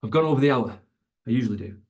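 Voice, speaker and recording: Male coach, mid-pitched, emphatic webinar delivery with repeated points. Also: expressive, very fast, a little mellow. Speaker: fitness coach educator.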